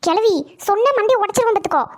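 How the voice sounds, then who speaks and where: A woman voicing a cheeky, very high-voiced young woman. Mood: teasing. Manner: teasing, cheeky, quick. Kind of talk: cartoon comedy acting.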